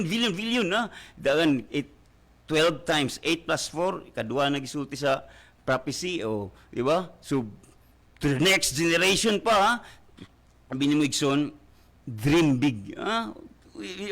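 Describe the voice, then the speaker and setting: A Filipino-accented male pastor preaching a radio sermon in a bright, forceful voice that sits a little high. He keeps prodding his listeners with "ha?" and breaks into loud calls to rise. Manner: fervent preaching with constant "ha?" tag questions; bursts into loud exhortations.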